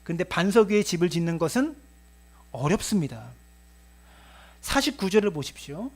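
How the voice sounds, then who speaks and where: A man preaching a Sunday sermon in a high, animated voice. His pitch swings widely as he acts out a master scolding his servants. A faint mains hum sits under the recording. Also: normal speed, slightly rough. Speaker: pastor.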